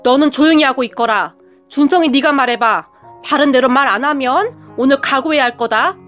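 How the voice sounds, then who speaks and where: A woman's voice: high voice, brisk, fairly bright tone, faint music behind. Woman doing a stern older father-in-law. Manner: commanding, harsh scolding. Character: stern older father-in-law, gentle but fearsome when angry.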